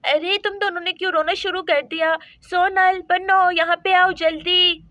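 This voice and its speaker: A woman's voice: very high-pitched, steady tone, moderate pace, sharp tone, no echo, muffled recording. A woman voicing a stern mother who scolds and threatens her two daughters in a doll story. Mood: scolding.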